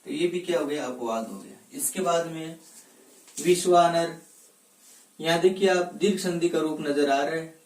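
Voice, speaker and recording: A male teacher giving a classroom grammar lesson, asking questions and answering them himself, breaking words slowly into their parts. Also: a little high, distant mic. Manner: slow and deliberate, stresses each part of a word. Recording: echoey room, voice from off mic.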